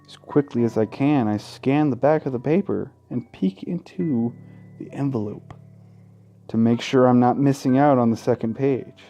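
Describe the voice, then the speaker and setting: With a dark tone at a moderate pace, this medium-pitched male let's play host dramatically reads a horror game, interrupting himself with vulgar, profane jabs and mockery. The lo-fi audio has the game's music underneath.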